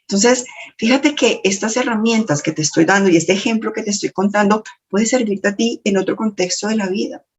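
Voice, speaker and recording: Expressive woman coach. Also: a little fast, breathy edge. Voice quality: slightly shrill voice. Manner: expressive, storytelling with lots of self-talk. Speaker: lecturer and coach. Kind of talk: motivational lesson to camera.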